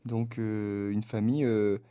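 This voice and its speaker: A stand-up comedian in his 20s from the Var area of southeastern France chats as a guest in a casual interview, laughing and hesitating often. His lowish voice is mellow and smooth, with a flat delivery and a measured pace.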